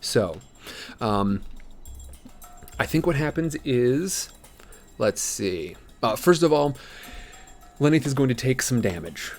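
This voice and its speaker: A man's voice: mid-range voice, big pitch swings, slow, long pauses, soft background music. A man running a tabletop game as game master, improvising narration and thinking aloud hesitantly for his chat.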